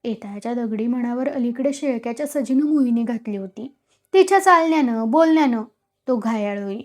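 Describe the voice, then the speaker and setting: A woman's voice: fairly high pitch, a little fast. A woman storyteller reading a village story aloud with dramatic, vivid narration.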